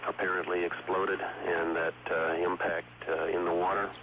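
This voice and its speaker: A man giving measured, steady mission control commentary over a crackly radio loop transmission. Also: sits low. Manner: measured, steady status calls. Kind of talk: live launch commentary. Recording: muffled archival radio audio with loud music.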